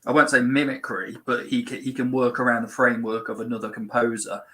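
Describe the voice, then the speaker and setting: Man, film director, bright tone, easygoing, halting, casual interview. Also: mid-range voice, little pitch movement, low-quality recording.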